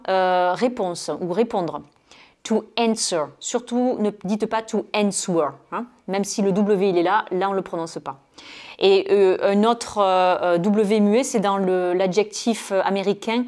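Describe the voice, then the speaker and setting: A woman from France teaches English pronunciation in a video lesson. She speaks at a middle pitch and explains each point patiently, often dropping in "euh" and a tag "hein". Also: darkish tone.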